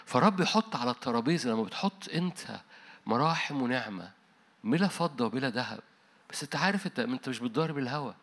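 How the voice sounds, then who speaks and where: A man with an Egyptian Arabic accent preaching a sermon, emphatic and full of rhetorical questions, dropping his voice low at the close. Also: expressive, quick pace, a bit bright.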